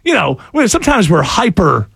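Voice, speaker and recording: A man's voice: high voice, huge pitch swings, moderate pace, gravelly, fairly bright tone, husky, dry recording, studio quality. A man from the United States hosting a radio show in casual chat, teasing his co-hosts in a playful, mock-bossy way.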